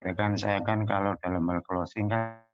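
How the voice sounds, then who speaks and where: A man's voice: fairly low pitch, fairly even intonation, moderate pace, muffled recording. Man on a breaking-up call line. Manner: earnest, rambling sharing with many fillers. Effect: choppy call audio that keeps breaking up. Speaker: caller in an online business meeting.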